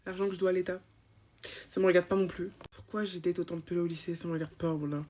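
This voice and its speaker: A young adult woman rambling excitedly in slang in a casual monologue to camera. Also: lowish voice, quick pace, background noise.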